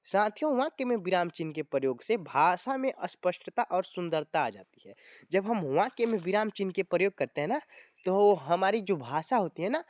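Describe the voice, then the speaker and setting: A man's voice: high voice, sing-song, normal speed, no echo. A man teaching a grammar lesson to exam students, explaining step by step and often addressing viewers as friends. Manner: explanatory, often calling viewers "friends" and adding tag words.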